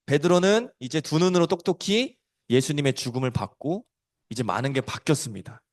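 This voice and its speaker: A man preaching a storytelling sermon to children, animated and swinging between loud and soft. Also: fairly high pitch, a little fast.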